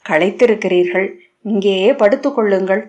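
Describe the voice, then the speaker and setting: A woman's voice: medium pitch, normal speed, a little mellow, natural voice. A woman reading the lines of an anxious young woman, the daughter of a sage, who asks questions in an urgent, worried way, on a dull lo-fi recording. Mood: caring. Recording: dull lo-fi audio.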